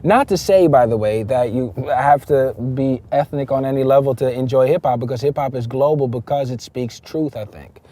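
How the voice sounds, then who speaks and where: A man's voice: mid-range voice, moderate pace, hardly any pauses, warm tone. A man, a rapper raised in the Netherlands, talking casually in an interview, emphatic and loose, with many fillers and restarts.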